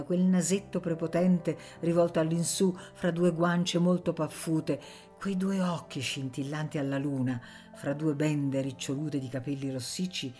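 A woman reading a novel aloud for radio in a measured, expressive way. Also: low-pitched. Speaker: audiobook reader.

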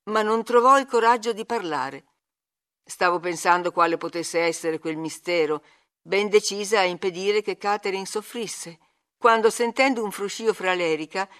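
A woman reading a classic novel aloud as an audiobook narrator, measured and expressive. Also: lowish voice.

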